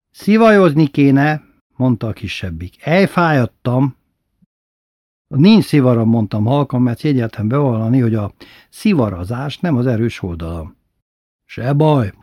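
A man reading a personal story aloud with an expressive, animated delivery. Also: lowish voice, breathy edge, dry recording, studio quality. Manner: lively, expressive reading with voiced characters.

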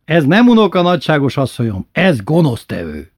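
A man voicing an angry red-haired grown man who shouts and demands payment, as a storyteller puts him on. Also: fairly high pitch, wildly swooping pitch, no echo, studio quality, pitched above the performer's own voice, exaggerated voice. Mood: indignant. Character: furious sweaty red-haired man, middle-aged.

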